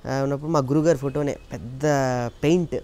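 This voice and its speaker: Speaking quickly at medium pitch, the man recounts his mimicry career in an informal interview, earnestly animating his stories by imitating the voices of those he quotes.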